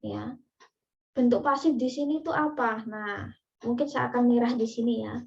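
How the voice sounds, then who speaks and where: A woman's voice: on the high side, steady tone, moderate pace, creaky. Indonesian woman teaching, distant muffled recording. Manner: explains step by step with many fillers and asides. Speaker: English teacher. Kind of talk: online class lecture.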